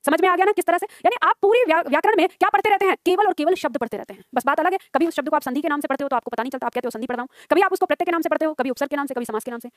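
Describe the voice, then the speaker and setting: Rapid, high-pitched woman teaching grammar. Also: no room sound, studio quality. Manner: brisk, asks the class questions and answers them herself; teasing scolding asides to students. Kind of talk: classroom lecture, also streamed online. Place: classroom with students present.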